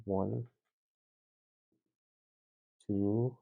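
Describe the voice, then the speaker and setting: Speaking quietly in his non-native English, a man vlogs casually as he assembles a toy set at home, hesitating often, leaning on fillers, and sounding dry in the throat. His fairly low, gravelly voice holds a steady tone, and the audio comes through narrow and tinny.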